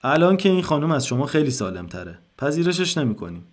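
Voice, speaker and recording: A man's voice: fairly high pitch, big pitch swings, voice pushed up. A man voicing a stern, scornful doctor. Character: stern, impatient male doctor.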